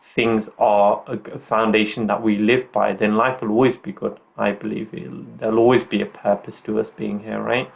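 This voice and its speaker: A man's voice: fairly low pitch, flat delivery, moderate pace, creaky, few pauses. A middle-aged man hosting a podcast, talking in an earnest, upbeat, motivational way. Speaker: podcast host.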